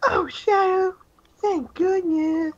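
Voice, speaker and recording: A man voicing a frightened young female pink hedgehog, high and pleading in a fan-fiction reading. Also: steady tone, slow, lo-fi sound. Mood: relieved. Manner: breathless, pleading, high-pitched.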